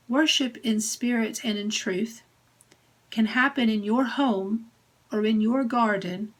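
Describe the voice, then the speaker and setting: An English woman minister giving a gentle, deliberate recorded sermon message. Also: on the high side, rough recording.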